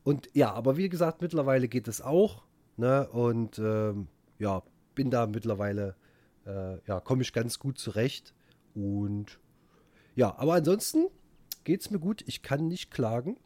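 A man hosting a casual podcast chat, talking in a halting way with repeated words. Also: medium pitch, expressive, mellow, dry recording. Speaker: podcast host.

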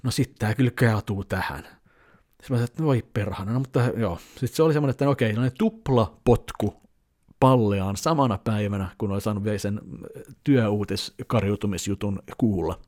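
A man in his thirties talking casually to camera, rambling with many fillers as he tells a story and quotes people in lively voices. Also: on the low side. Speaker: vlogger.

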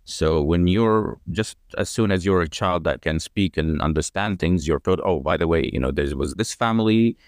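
A man speaking as a podcast guest, explaining at length in a measured way, with frequent fillers and restarts. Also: sits low, no room sound, clean studio sound. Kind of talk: conversational explanation.

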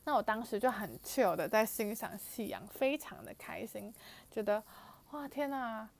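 This young woman tells a personal story for her vlog in a Taiwanese Mandarin accent, animated and peppered with fillers and exclamations. Her medium-pitched voice has lively intonation and vocal fry, at normal speed.

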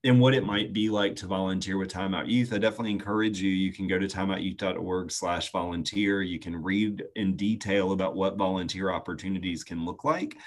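A man, answering interview questions earnestly and at a measured pace with frequent "um" fillers. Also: low-pitched, steady tone. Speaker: youth nonprofit staff guest.

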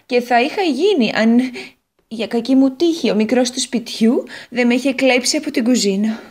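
A woman voicing a vain, chatty, naive female potato in a children's storybook read on the radio, talking in a gushing, excitable way. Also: lightly acted. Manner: gushing and excitable, high and lively.

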